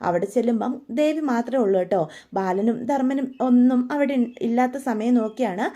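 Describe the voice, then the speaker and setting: A woman's voice: fairly high pitch, a little fast, dark tone. A woman casually retelling a TV serial's plot in a chatty way, with frequent tag fillers.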